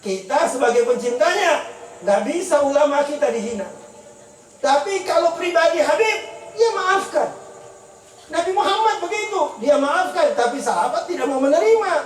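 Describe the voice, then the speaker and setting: A man's voice: extremely high pitch, expressive, normal speed, a little hiss or hum. A man preaching a sermon, emphatic and repetitive, full of rhetorical questions. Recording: echoey, distant mic, faint ambience.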